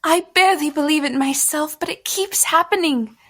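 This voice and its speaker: In an audio drama, a woman voices a hunted young woman, using a high, youthful and slightly bright voice at normal speed. The character is frightened and bewildered, pleading earnestly with hesitant breaks in her speech.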